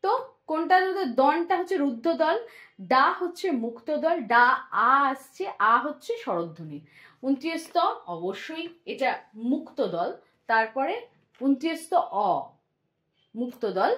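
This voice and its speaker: Lively high-voiced woman teacher. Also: echoey room. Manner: patient, drawn-out demonstration of words. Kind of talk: explaining a class lesson.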